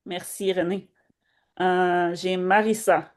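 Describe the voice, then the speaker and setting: A woman's voice: fairly low pitch, level tone, slow pace. A woman casually moderating an online meeting as its host, passing the floor between participants.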